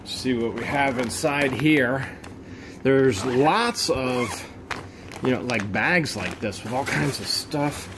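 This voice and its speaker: Male vlogger, unhurried casual delivery with excitable high-pitched outbursts; faint background hiss. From United States. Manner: excitable, bursts into high exclamations over finds. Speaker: storage unit reseller vlogger. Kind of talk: casual unboxing narration.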